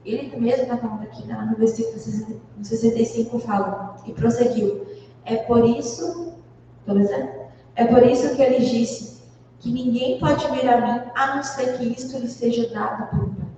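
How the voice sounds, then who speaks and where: A Brazilian woman with a fairly high voice teaches a Bible class, heard from a distance in a big echoey church hall. She talks conversationally and thinks aloud, with fillers and restarts. A faint room hum sits under her voice. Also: normal speed, mellow, muffled recording. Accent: Brazilian Portuguese. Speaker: Sunday school teacher.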